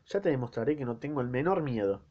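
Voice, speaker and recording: An Argentine man voicing a fierce, sharp-tongued wife, scolding and accusing, in a slightly muffled recording. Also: mid-range voice, animated, quick pace, natural voice.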